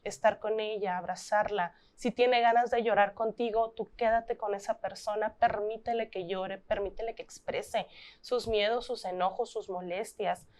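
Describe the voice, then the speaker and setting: A woman with a Mexican Spanish accent, speaking as a guest in an interview, gentle and earnest, slowing down for emphasis. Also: medium pitch, fairly even intonation. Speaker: thanatologist guest. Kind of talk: interview talk.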